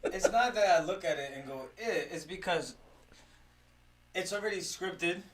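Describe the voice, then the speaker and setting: A man's voice: high-pitched, animated, measured pace, fairly bright tone, recorded from a distance, low-quality recording. Plainspoken co-host, a man a bit off-mic. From Costa Rica. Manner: plainspoken, uses many "you know"s. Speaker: podcast co-host. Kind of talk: casual podcast chat.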